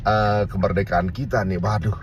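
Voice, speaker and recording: A man's voice: on the low side, steady tone, moderate pace. A man chatting casually to his viewers in an amused, chuckling way. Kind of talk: casual vlog commentary.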